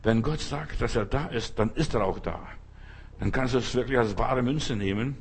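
A man's voice: mid-range voice, normal speed, breathy edge. A man preaching a fervent sermon, repeating his points and calling out Hallelujah.

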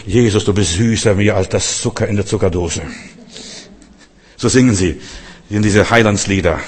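This preacher has a fairly low voice with a breathy edge. He speaks earnestly and repetitively, talking directly to the people listening, while the church hall's long reverb hangs around each phrase.

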